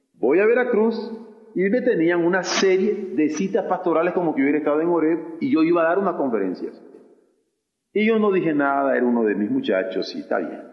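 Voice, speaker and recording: A male pastor gives an emphatic sermon, swinging between loud and soft. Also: fairly high pitch. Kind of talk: sermon with personal story. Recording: echoey hall, dull lo-fi sound.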